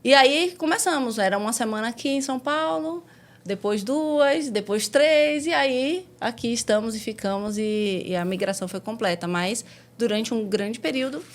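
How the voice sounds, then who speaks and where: Speaking at a moderate pace in a higher-pitched voice, a Bahian-accented woman in her forties from Salvador, Brazil, appears as a guest. She candidly walks through her career in a casual conversation, with slang and now and then a swear word.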